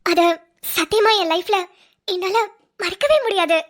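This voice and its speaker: A woman's voice: very high voice, measured pace. A woman voicing a jealous young ex-girlfriend in a cartoon, whiny and pleading. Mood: wistful. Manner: whiny, pleading, self-pitying. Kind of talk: cartoon dialogue.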